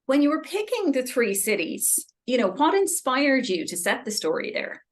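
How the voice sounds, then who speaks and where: A woman's voice: high voice, very animated, normal speed. A woman hosting an author interview, giving prepared introductions and questions in a polite, chatty, effusive way. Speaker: interviewer, library event host.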